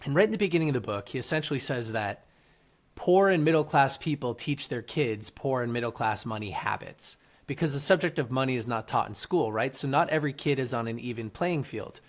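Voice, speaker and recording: A man who is an author and entrepreneur guests on a podcast, telling his story in an earnest, motivational way during a casual interview. His voice is medium-pitched and animated, and he talks a little fast.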